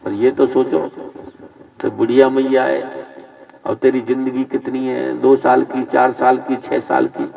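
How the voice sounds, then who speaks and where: A male preacher telling stories with humor, animated and rising to loud scolding emphasis. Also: mid-range voice, unhurried, vocal fry, far from the mic, poor audio. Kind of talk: devotional scripture-story sermon.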